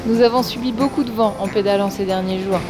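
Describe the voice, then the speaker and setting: A woman's voice: mid-range voice, steady tone, quick pace. Woman narrating a travel diary over music. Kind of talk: scripted narration. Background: loud children's music.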